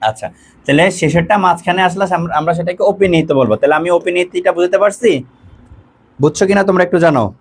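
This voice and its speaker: A man's voice: high voice, breathy edge. A young man teaching a live online grammar lesson, speaking with a sore throat and cold and often checking that students follow. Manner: fast, repetitive checking-in with students. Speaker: online admission coaching teacher.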